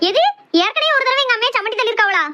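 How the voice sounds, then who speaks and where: A woman with a Kanyakumari Tamil accent playing a loud, dramatic sister-in-law who keeps accusing her family in a comedy skit. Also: extremely high pitch, fast, loud music behind the voice.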